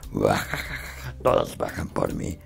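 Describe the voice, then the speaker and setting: A man voicing a gleeful, menacing satanic goat in a game video, growling deep and cackling as he gloats. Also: huge pitch swings, a little slow, a bit bright, faint music behind, heavily acted. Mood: gloating. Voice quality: deep gravelly demonic growl.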